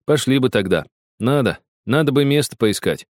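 A man's voice: medium pitch, animated, normal speed, no room sound, clean studio sound, pitched above the performer's own voice, lightly acted. A man doing a timid chubby teenage boy. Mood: coaxing.

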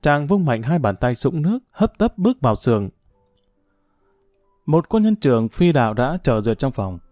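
A man narrating a story audiobook in a steady, measured way. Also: mid-range voice, dry recording, clean studio sound, soft background music.

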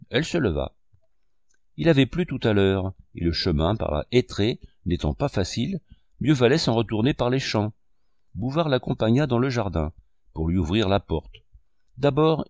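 A man narrating a classic novel as an audiobook, in a measured, expressive reading. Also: medium pitch, dry recording.

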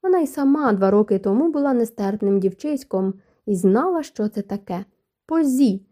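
A woman narrating an audiobook in an even storytelling manner. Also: mid-range voice, a little fast. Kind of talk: scripted narration.

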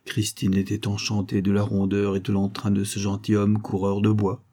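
Calm guy reading a novel aloud, dark mellow tone, husky. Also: lowish voice, moderate pace. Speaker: audiobook reader. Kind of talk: scripted narration of a novel.

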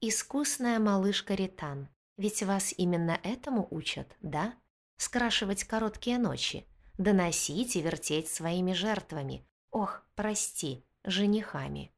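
A woman voicing an arrogant, hot-tempered young male guard who sneers and shouts insults in a fantasy audiobook. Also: mid-range voice, lively intonation, unhurried. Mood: sneering.

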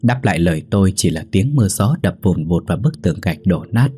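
A man narrating a ghost story in a steady, measured reading. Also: deep voice, breathy edge, faint music behind.

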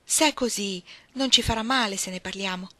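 A woman reading the part of a calm, dignified young fiancée who speaks softly and in a measured way in an audiobook reading. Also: medium pitch, dry recording, natural voice. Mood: composed. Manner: soft, composed, measured.

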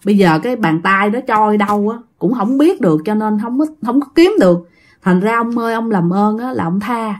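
A woman voicing a rural wife who pleads softly with a ghost. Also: brisk, natural voice. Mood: pleading. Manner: begging, low and soft.

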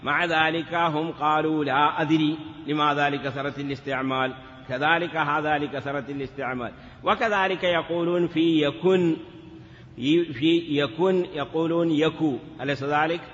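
A man's voice: fairly high pitch, fairly even intonation, moderate pace, a bit bright, long reverb tail, dull audio. A man teaching a grammar lesson in a classroom, asking questions and answering them himself, sometimes drawing words out in a chanting lilt. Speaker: teacher of Arabic morphology. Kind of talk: classroom lecture.

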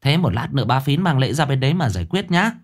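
A man voicing a stern village shamaness who scolds quickly and sharply. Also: medium pitch, very animated, voice pushed up. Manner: scolding, brisk.

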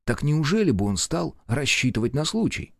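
A man voicing a calm male investigator who questions persistently and measuredly, in an audiobook. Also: medium pitch, moderate pace, creaky, no room sound, pitched above the performer's own voice. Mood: probing.

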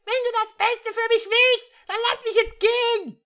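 A reader voicing a young woman heroine in a mock-dramatic fan fiction reading, speaking high, strained and emphatic. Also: steady tone, moderate pace, fairly bright tone. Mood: defiant.

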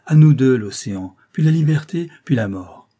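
Man playing a desperate young lover, fervent, pleading, loud and higher, dark husky tone. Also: lively intonation, moderate pace, lightly acted. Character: passionate desperate young nobleman.

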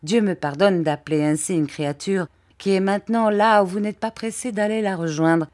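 A woman's voice: mid-range voice, a little mellow, lightly acted. Betsey Trotwood, a blunt scornful old aunt, read by a woman. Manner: scornful, rhetorical questioning.

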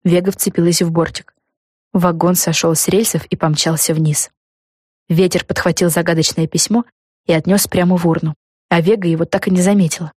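A woman narrating a children's storybook in a calm, even way. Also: fairly low pitch, a little fast, breathy edge, no room sound, clean studio sound. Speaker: audiobook narrator.

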